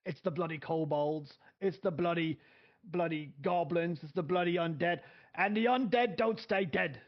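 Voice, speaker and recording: A man voicing a gruff, impatient older male soldier with a put-on Scottish accent, barking orders. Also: fairly high pitch, moderate pace, lightly acted. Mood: angry. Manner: barking, shouty. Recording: dull lo-fi audio.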